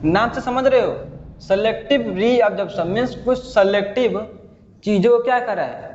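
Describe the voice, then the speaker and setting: High-voiced male teacher in a roomy hall. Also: moderate pace, a little mellow. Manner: repeats questions and checks understanding often. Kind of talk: explaining a school science lesson. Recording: dull roomy audio with reverb.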